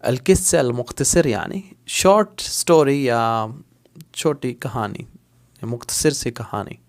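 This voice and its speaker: A man's voice: medium pitch, expressive, slow pace. A man teaching Arabic phrases in an online lesson, explaining patiently and repeating each word several times, with English glosses mixed in. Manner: switches between Hindi-Urdu explanation and English glosses.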